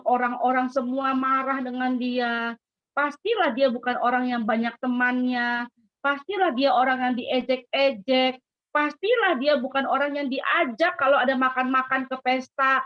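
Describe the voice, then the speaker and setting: A woman giving a school devotion, telling a story to children in an animated way and asking them questions. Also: high-pitched. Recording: dull lo-fi sound.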